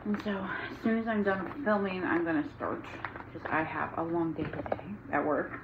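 A woman's voice: fairly low pitch, fairly even intonation, normal speed, dull audio, background noise. A tired, out-of-breath young woman chatting casually to camera about her cross-stitch projects, rambling with many ums. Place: home room with windows open.

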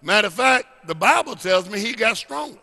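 A male pastor preaching a sermon, swinging between loud and hushed lines and repeating phrases. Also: high-pitched, lively intonation, fairly quick, creaky, in a large hall. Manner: preachy, rising and falling dynamics, repeats phrases. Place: church sanctuary.

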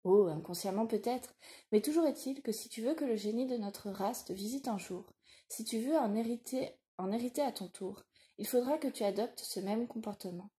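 Woman reader voicing a middle-aged blacksmith father, solemn and tender, mellow tone, audiobook. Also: fairly high pitch, moderate pace, close to an everyday voice. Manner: solemn, confiding. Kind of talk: audiobook reading.

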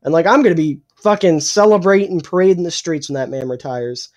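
Young guy ranting hot takes on a sports pod, kinda hoarse, swears a lot. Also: on the high side, fairly quick. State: losing his voice, clearing his throat. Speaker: podcast co-host. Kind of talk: casual sports chat.

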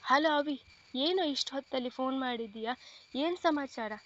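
A woman reading as a gentle caring brother. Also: high-pitched, normal speed, highs cut off, slight background noise. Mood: exasperated. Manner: gentle, reassuring, affectionate. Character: caring young man, protective elder brother figure.

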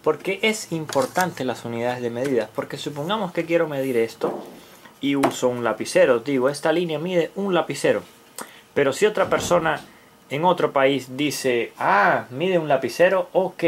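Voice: mid-range voice, normal speed, noisy background. A teacher giving a math lesson to young children, patiently repeating key words and counting aloud while writing.

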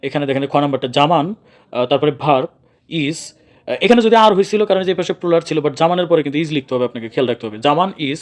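A man's voice: a little high, lively intonation, quick pace. A young man teaching an exam-prep lesson. He explains each answer step by step, repeats key words and asks his own questions before answering them.

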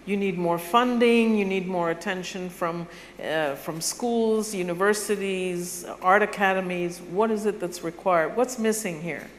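Panel moderator, engaged and prompting, mid-pitched, hall reverb with faint ambience. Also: measured pace, few pauses, slight background noise.

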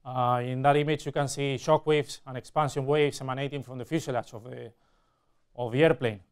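A man in his forties giving a technical university lecture, explaining step by step with frequent pauses mid-phrase. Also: mid-range voice, steady tone, clean tone. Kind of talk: technical lecture at a whiteboard with slides. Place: indoor classroom or studio with whiteboard.

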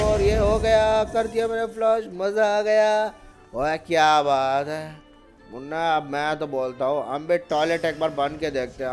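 A young man doing rowdy, playful gameplay commentary on a headset, often shouting. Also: sits high. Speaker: gaming YouTuber. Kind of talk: comic Roblox gameplay commentary. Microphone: gaming headset.

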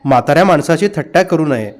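A man's voice: fairly high pitch, expressive, fast, natural voice. A man voicing a firm village mother in an audiobook, speaking in a chiding tone.

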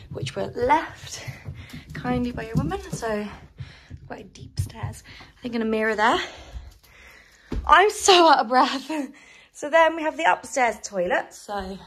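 A woman's voice: medium pitch, vocal fry, slight background noise. A young woman chatting casually and rambling as she walks a camera through the rooms of her small house. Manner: chatty, rambling, filler-heavy. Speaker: vlogger. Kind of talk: casual house tour vlog. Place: small house indoors, moving between rooms.

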